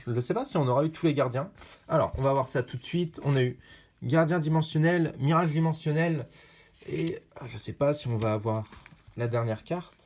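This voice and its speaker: A man talks casually to his viewers while opening trading card packs, and his voice sits a little higher than most men's. He reads each card name and effect aloud, growing excited when he hopes for a rare pull. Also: fairly quick. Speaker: card pack opener. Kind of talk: casual pack-opening chat.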